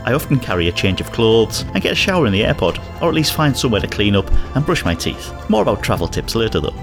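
A man's voice: fairly low pitch, very animated, fast, over music. A man hosting a podcast, narrating scripted commentary and personal anecdotes on his own. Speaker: podcast host.

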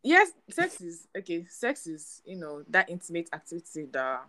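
A woman's voice: on the low side, wildly swooping pitch, normal speed, sharp tone, poor audio. A young woman co-hosting a casual podcast chat, talking in a chatty, storytelling way. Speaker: podcast co-host.

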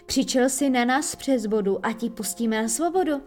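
A woman voicing a gruff, simple-minded pirate crewman. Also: a little high, darkish tone, soft background music, close to an everyday voice. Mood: insistent.

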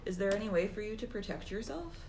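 A woman's voice: medium pitch, very animated, quick pace, background noise. A woman as interviewer in a scripted mock interview, reading her questions carefully.

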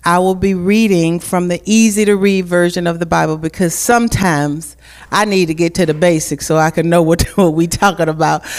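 A woman's voice: fairly low pitch, a little mellow. A woman preaching as a guest speaker in a church at a pulpit microphone, praying and leading call-and-response, repeating key phrases for emphasis. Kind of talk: church sermon with prayer. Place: church sanctuary.

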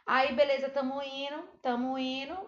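A woman co-hosting a podcast, chatting and telling a story in a relaxed way. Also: high-pitched, normal speed. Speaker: podcast co-host. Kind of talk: casual chat. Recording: roomy, dull lo-fi sound.

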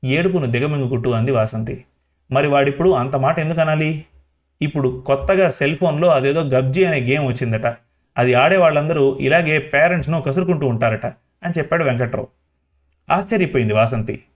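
A man reads a short story aloud at a middle pitch. His delivery is scripted and steady, and he voices every character himself with only slight changes from his own voice. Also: brisk. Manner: reads all characters in a near-plain voice, with small shifts for dialogue. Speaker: story reader.

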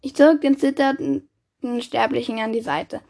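A woman's voice: high-pitched, fairly even intonation, moderate pace, vocal fry, a little mellow. A woman reading a children's book aloud, giving the characters' quoted lines their own voices. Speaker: reader.

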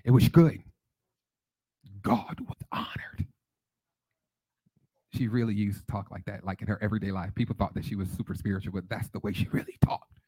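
A man's voice: on the low side, little pitch movement, racing, mellow, slightly rough, no echo, poor audio. A man with a Detroit accent preaching a sermon, leading call-and-response and telling stories. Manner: sings prayer lines, then teaches with call-and-response and storytelling.

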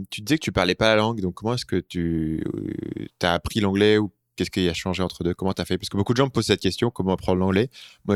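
A low-voiced man from France hosts an interview, firing off curious questions at a brisk clip. His voice sounds close and dry, with no room around it. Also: no room sound. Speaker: interview host.

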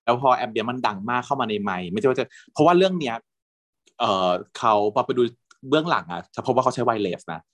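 A man chatting casually with a co-host, recapping a TV drama in an animated way, laughing often. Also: mid-range voice, quick pace, no echo. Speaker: podcast co-host.

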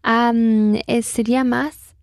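A woman's voice: a little high, level tone, slow pace, dry recording, studio quality. A woman teaching German in Spanish, patiently repeating phrases and correcting her student. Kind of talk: language lesson in Spanish.

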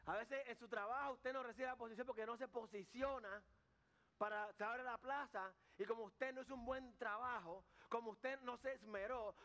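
A man's voice: sits high, fairly bright tone. A man preaching a sermon at a church service, putting questions straight to the congregation. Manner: addresses the congregation directly with questions.

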